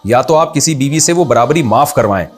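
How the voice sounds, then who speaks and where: A man, an Islamic scholar, answering viewer questions in a conversational, explanatory way, with rhetorical questions and his pitch rising on emphasis. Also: lively intonation, brisk, soft background music. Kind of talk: religious Q&A talk.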